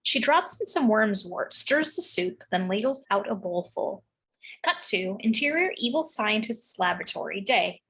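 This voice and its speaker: A woman's voice: medium pitch, fairly bright tone, breathy edge, poor audio. A woman narrating the stage directions of a script in a read-through.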